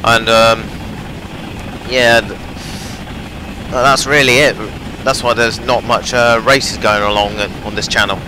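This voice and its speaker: Noisy home audio captures a young man, a gaming channel host, rambling through train-simulator gameplay. His medium-pitched voice barely moves in pitch and runs a little slow; he hesitates a lot, leans on fillers, and is losing his voice, straining after talking so much.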